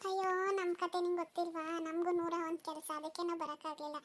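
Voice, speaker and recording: A woman's voice: very high voice, steady tone, fast talker. A woman voicing a worried village mother in a cartoon, speaking rustic dialect, soothing and scolding her married daughter. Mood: concerned.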